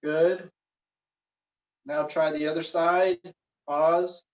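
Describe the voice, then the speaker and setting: A man leading a guided meditation and warm-up stretches, giving slow, relaxed instructions with frequent fillers. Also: a little high. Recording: roomy, distant, dull recording.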